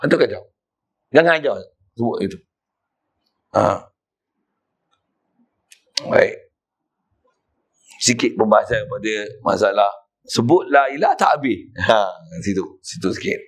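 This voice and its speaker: A middle-aged man with a Malaysian Malay accent giving a kitab lesson in a prayer hall, telling stories and loudly demonstrating chanted recitations. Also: on the low side, expressive, measured pace, pauses often, breathy edge. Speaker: religious teacher.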